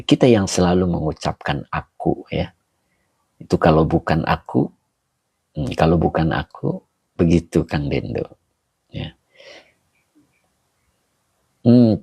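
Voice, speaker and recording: Holding the camera himself, an Islamic scholar live-streams a kitab study, moving between grammar explanations and friendly chat as he reads out comments and welcomes viewers by name. His voice is low, gravelly, mellow and a little breathy, with clean, studio-quality sound and no echo.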